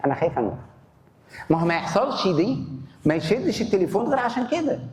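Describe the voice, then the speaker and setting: Animated man lecturing in an echoey hall. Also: sits high, racing. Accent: Egyptian Arabic. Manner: animated, asks the audience questions and answers them. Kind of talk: conference talk. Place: conference hall. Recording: echoey hall, faint noise.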